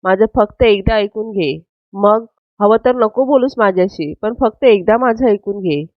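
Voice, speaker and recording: A woman's voice: medium pitch, moderate pace, no echo, close to an everyday voice. A woman voicing an earnest, stubborn young woman who keeps pleading, in a dull, dry, lo-fi recording. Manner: pleading, insistent.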